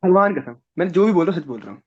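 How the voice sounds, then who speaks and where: A young man, a guest on an interview show, telling animated stories and acting out other people's lines. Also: high-pitched, rapid-fire. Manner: lively, acts out other people's lines, laughs often. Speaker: guest, defence-services aspirant. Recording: slightly dull, lo-fi audio.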